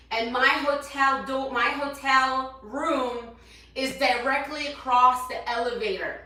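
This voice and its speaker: Recorded from a distance in a very echoey hotel room, a woman in her thirties with a loud, high voice motivates her followers. She's a fitness coach, and her talk is chatty, with points repeated for emphasis.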